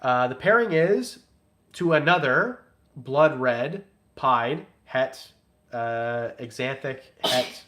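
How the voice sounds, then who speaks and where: A young man hosting a laid-back reptile livestream for his channel, where he also appears as a breeder, reads donations and chats in a rambling, jokey, loose way. His medium-pitched voice is fairly bright, and he speaks slowly.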